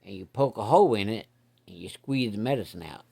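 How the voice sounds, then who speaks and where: A middle-aged man with a fairly low voice spins a long yarn from his boyhood. He talks in plain, folksy country grammar, slipping into the voices of the people in his tale. His telling is easygoing and conversational. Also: expressive, a little fast, gravelly, a little mellow. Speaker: storyteller. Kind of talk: casual spoken storytelling.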